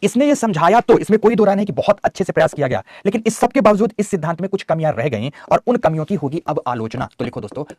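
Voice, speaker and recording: A man's voice: on the high side, lively intonation, quick pace, few pauses, darkish tone, dry recording, clean studio sound. A man teaching geography in an online class, dictating notes and coaxing and scolding his students. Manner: scolding and coaxing students, calls them beta.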